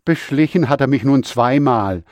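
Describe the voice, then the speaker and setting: A man voicing a bitter, desperate elder son in a scripture reading, his pitch lifting as he pleads. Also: normal speed, a little mellow, no echo, close to an everyday voice.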